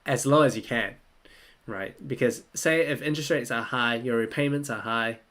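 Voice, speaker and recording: A young man from Malaysia, hosting a casual livestream Q&A at his desk, relaxed and chatty, often laughing and thinking aloud. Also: mid-range voice, normal speed. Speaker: livestream host answering viewer questions. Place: small room indoors.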